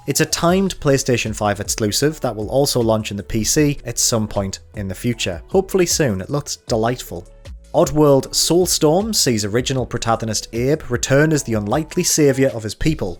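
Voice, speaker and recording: A man with a Geordie accent talks through a games roundup in a voice of middling pitch. His scripted narration is broken up by dry, wry little jokes. Soft music plays quietly underneath. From North East England. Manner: wry, with dry jokey asides. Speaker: games journalist.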